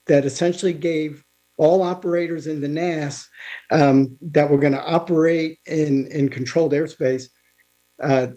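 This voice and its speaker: Mellow-voiced man explaining technology. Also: fairly high pitch. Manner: halting, with frequent restarts and fillers. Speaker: guest speaker on aviation technology. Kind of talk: informal technical presentation. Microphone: remote video call.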